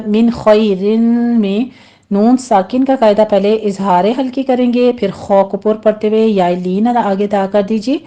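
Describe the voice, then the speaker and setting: A woman with a medium-pitched, mellow voice gives a tajweed lesson, teaching Quran recitation rules step by step. She patiently explains each sound and models the correct pronunciation, though the recording is muffled.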